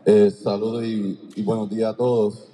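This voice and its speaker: A basketball coach from Cleveland, Ohio, lectures at a seminar in a large indoor arena, his voice carried by a handheld microphone through a PA and picked up by a distant camera. He speaks at a moderate pace in a somewhat low, dark, flat tone. The big gymnasium gives the recording a long echo.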